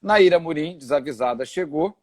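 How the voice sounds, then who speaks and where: Man interviewing, relaxed and reminiscing. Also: on the high side, normal speed. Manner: relaxed, reminiscing, with filler hesitations. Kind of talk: conversational interview.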